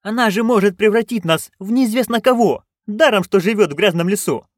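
A man's voice: high-pitched, a little fast, no echo, clean studio sound, voice pushed up, natural voice. A man voicing timid, nervous castle guards in an audiobook, speaking hesitantly. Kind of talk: audiobook reading.

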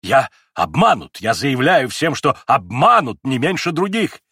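A man voicing a proud gentleman who speaks heatedly and formally. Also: mid-range voice, very animated, brisk, husky, no room sound, studio quality, exaggerated voice. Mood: indignant. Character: indignant proud gentleman, humiliated.

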